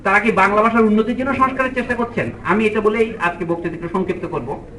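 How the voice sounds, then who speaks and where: Teacher from Bangladesh delivering a public lecture. Argumentative speaker with a bright, forceful voice, heavy on rhetorical questions. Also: male voice, sits high, fast, distant mic, a little hiss or hum, poor audio. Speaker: teacher giving a public speech.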